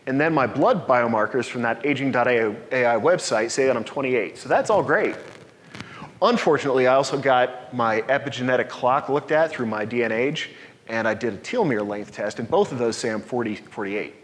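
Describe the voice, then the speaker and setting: A man's voice: mid-range voice, a little fast. A man in his forties giving an upbeat slide talk at a podium, explaining and mixing in personal examples. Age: 40s. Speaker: presenter. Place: dark lecture hall, standing at a podium. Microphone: podium mic from a distance. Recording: reverberant hall, voice from afar.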